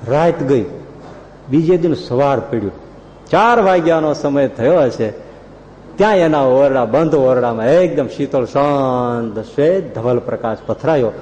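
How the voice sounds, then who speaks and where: A man preaching a storytelling sermon, lively and animated, rising to loud peaks. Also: medium pitch, a little slow. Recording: reverberant hall, dull lo-fi sound.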